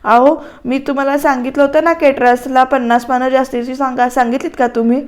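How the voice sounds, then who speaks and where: A worried older mother from a TV soap, nagging her husband about every wedding task, read by a woman recapping it. The voice stays high and near the reader's own. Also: level tone, brisk, darkish tone, close to an everyday voice. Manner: nagging, reminding.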